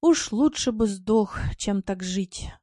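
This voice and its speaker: A woman voicing a gloomy, thin tomcat who mutters slowly and bitterly. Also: mid-range voice, lively intonation, dark tone, no room sound, studio quality. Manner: slow, glum muttering.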